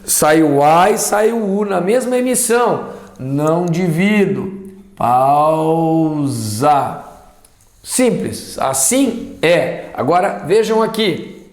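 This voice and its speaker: A man teaching a Portuguese grammar lesson, lively, asking and answering his own questions as he explains. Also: a little high, slow pace, echoey room. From southern Brazil. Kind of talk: classroom lesson.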